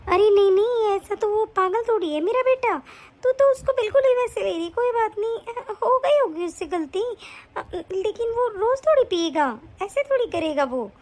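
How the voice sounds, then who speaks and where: In an animated story, a woman with a very high voice, speaking at a moderate pace, plays an older mother-in-law. The character sides with her son and dismissively scolds her daughter-in-law.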